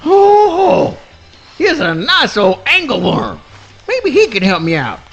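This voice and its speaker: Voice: high voice, wildly swooping pitch, takes it slowly, vocal fry, husky, dull audio, soft background music, full character voice. An actor voicing a mild-mannered male possum in folksy swamp dialect with mangled grammar, in a live radio play. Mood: folksy narrating.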